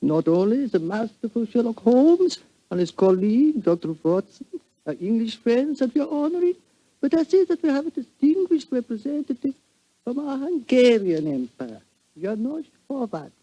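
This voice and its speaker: A genial old emperor with a high, husky voice that swoops expansively. The delivery is courtly radio drama, on a dull vintage recording. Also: male voice, sing-song, normal speed, warm tone, dry recording, full character voice. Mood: gracious. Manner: courtly, expansive, repeats phrases. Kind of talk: 1940s radio drama acting.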